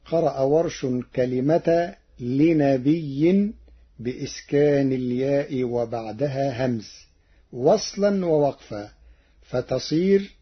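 Slow husky man teaching recitation. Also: medium pitch, lo-fi sound. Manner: measured, methodical explanation. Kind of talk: explaining recitation variants with chanted examples.

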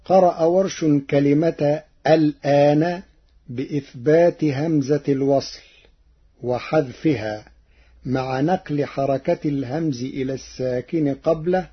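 A man lays out Quran recitation rules in a careful, methodical lesson, his voice husky and set a little high. He speaks very slowly. The recording is dull and lo-fi. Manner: measured, methodical explanation. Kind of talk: explaining recitation variants with chanted examples.

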